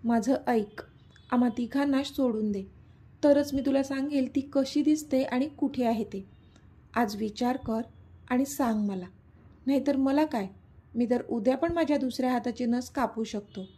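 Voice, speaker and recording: A woman's voice: high-pitched, a little slow, warm tone, husky. A woman voicing a cruel, mocking male villain who taunts and sneers, in a storybook reading. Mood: sneering.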